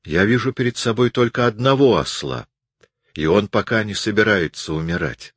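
A man voicing a sharp, defiant young woman in an audiobook, with indignant, mocking retorts. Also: on the low side, expressive, moderate pace, breathy edge, dry recording. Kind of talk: audiobook reading.

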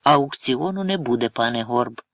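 A stern, calm male artist from an audiobook, voiced by a male reader close to his own gravelly tone. He speaks firmly and evenly, never yielding. Dry, close recording. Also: medium pitch, moderate pace, no room sound. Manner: calm, firm, clipped. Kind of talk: audiobook character voice.

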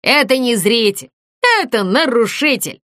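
A woman's voice: a little high, measured pace, fairly bright tone, no room sound, clean studio sound. A woman voicing a sneering, rule-obsessed ghost in a storybook, mocking and gloating with giggles.

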